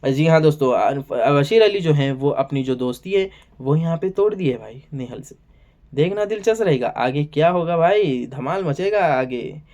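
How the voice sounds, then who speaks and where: Male reviewer, high voice, chatty casual recap style with plenty of filler. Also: lively intonation, moderate pace, a little mellow. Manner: chatty, keeps saying "bhai" and "yahan pe". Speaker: show reviewer.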